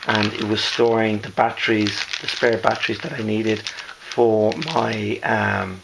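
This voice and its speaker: A hoarse man who is losing his voice gives a casual, halting show-and-tell as a maker, often correcting himself. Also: lowish voice, a bit bright, slight background noise, poor audio. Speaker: costume maker presenting a build.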